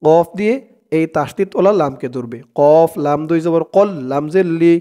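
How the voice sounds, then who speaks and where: A man with a Bangladeshi Bengali accent teaching Quran reading, chanting verses slowly and then breaking the words into syllables. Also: fairly high pitch, warm tone. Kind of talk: slow step-by-step recitation lesson.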